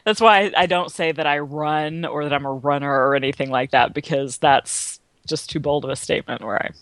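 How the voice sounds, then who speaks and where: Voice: mid-range voice, brisk, fairly bright tone, no room sound. A co-host in a casual podcast chat, playful and full of hesitant fillers.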